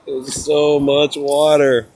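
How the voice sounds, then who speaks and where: A man's voice: a little high, level tone, takes it slowly. A man chatting casually on a livestream, laid-back and rambling, talking up to be heard over the wind. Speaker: live streamer. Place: outdoors on a windy rocky beach. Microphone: microphone on a livestream rig. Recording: very loud wind and surf noise. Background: crashing waves, loud wind.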